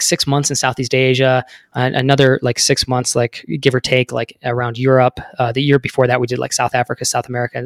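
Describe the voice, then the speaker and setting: A man's voice: mid-range voice, gravelly, no echo, studio quality. A man in his thirties telling his story as a podcast guest, rambling with many fillers. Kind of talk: casual interview talk.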